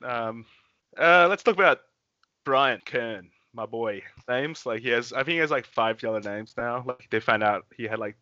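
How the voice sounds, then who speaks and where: A man's voice: mid-range voice, normal speed, sharp tone, no room sound, lo-fi sound. A man co-hosting a podcast, chatting casually with lots of fillers and restarts. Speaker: podcast co-host. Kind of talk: casual chat.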